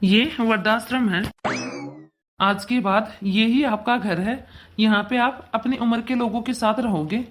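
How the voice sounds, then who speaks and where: A woman voicing a weak-willed adult son and father in a cartoon, who talks softly and gives in easily. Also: a little high, a little slow. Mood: stern. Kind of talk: cartoon voice acting.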